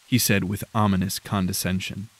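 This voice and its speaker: A man narrating a dark fantasy audiobook in a measured, grave storytelling manner. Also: low-pitched, flat delivery.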